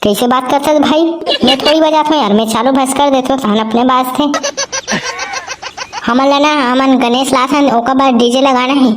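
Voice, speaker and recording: A woman voicing cartoon characters with a Chhattisgarhi accent, trading rough, teasing banter. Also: high voice, steady tone, normal speed, slight background noise. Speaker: cartoon voice artist. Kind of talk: comic cartoon dialogue.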